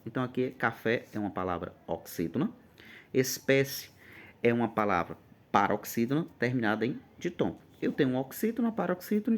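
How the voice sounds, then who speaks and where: A man with a Brazilian Portuguese accent teaching an exam-prep grammar lesson in a lively, emphatic way, checking in often with his students. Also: mid-range voice.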